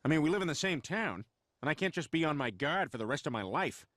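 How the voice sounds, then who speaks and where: A man's voice: fairly high pitch, very animated, quick pace, fairly bright tone. An actor voicing a boisterous, goofy male cartoon host with chummy, rambling announcer talk. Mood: musing.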